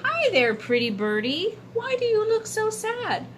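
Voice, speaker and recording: A woman acts out a kind young boy from a children's storybook. The voice is lifted very high and sounds cheerful and friendly, with noticeable noise in the recording. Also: big pitch swings, measured pace, heavily acted.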